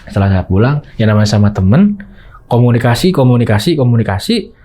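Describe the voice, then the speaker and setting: A man's voice: mid-range voice, sing-song, fast, mellow. A man, telling a personal story to a host in a chatty way. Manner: chatty, often addresses the listener as "bro". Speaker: guest storyteller. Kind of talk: casual storytelling.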